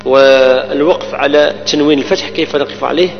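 A man teaching the rules of Quran recitation. He explains each rule step by step and recites the verses slowly, drawing out the words. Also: fairly high pitch, steady tone, creaky, faint music behind. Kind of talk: tajweed lesson with recited verses. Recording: long reverb, dull lo-fi sound, mains hum.

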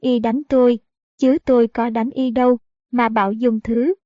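A woman's voice: a little high, level tone, moderate pace, no echo, close to an everyday voice. A woman voicing a mocking old male beggar who is secretly a master fighter, in a sly, scolding way. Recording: dull, dry audiobook recording.

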